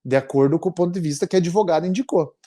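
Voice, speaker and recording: A man in his forties with a Brazilian Portuguese accent, telling his story as an interview guest in a halting, earnest way with many restarts. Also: fairly high pitch, mellow. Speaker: interviewee, immigration client. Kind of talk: emotional conversational storytelling.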